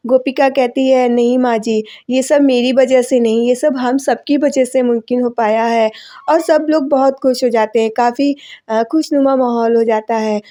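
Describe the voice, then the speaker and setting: Mellow higher-pitched woman recapping a serial. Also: steady tone, normal speed. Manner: retells scenes, voicing characters' lines as plain quotes. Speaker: channel host recapping a TV serial. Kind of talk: casual spoken recap narration. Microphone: voice-over recorded separately from the clips.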